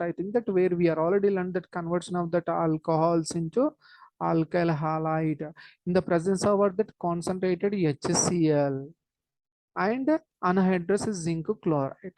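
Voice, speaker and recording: A woman with an Indian accent teaching an online lesson in a halting, repetitive way, dropping in Hindi interjections. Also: on the low side, mellow, no room sound, rough recording. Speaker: chemistry teacher.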